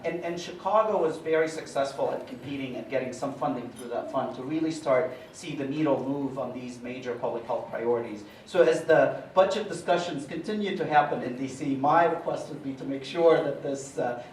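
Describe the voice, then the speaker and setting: A man's voice: medium pitch, normal speed, hardly any pauses, a little hiss or hum. A man speaking as a panelist, hesitant, with many fillers. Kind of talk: panel discussion remarks. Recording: echoey room, mic from far off.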